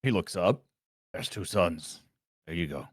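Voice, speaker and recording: A man with a very deep voice runs a tabletop game, explaining things loosely and full of fillers. The sound is dry and close to the mic. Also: animated, a little slow, husky, no room sound. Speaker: game master.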